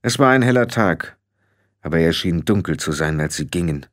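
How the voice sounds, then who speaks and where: Ein Mann liest ein Hörbuch lebhaft und ausdrucksvoll vor. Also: male voice, deep voice, expressive, normal speed, fairly bright tone, dry recording, studio quality. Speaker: audiobook narrator. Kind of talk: scripted narration.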